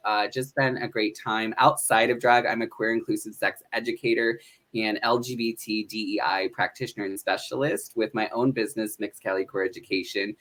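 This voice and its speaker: A man's voice: lowish voice, a bit bright. Upbeat man telling his story. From northeastern Pennsylvania. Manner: earnest and upbeat, with frequent fillers and laughs. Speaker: podcast guest, drag performer and educator. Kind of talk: casual interview conversation.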